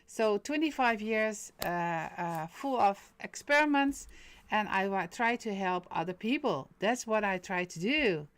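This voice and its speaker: Here the same Dutch medium from the Netherlands, a middle-aged native speaker with a Dutch accent, talks haltingly on her casual live stream, full of fillers and false starts. Her smooth, medium-pitched delivery has lively intonation and runs a little slow.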